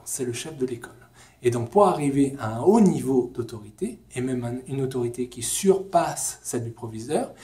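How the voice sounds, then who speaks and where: A young man in his twenties explaining a theory in a casual lesson, lively and gesturing, with many fillers, filmed in an empty lecture hall. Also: mid-range voice. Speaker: educational video host.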